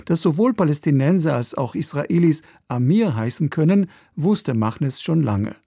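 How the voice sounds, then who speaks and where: A man narrating a scripted radio news report in a measured, even delivery. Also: fairly high pitch, creaky, no echo, studio quality.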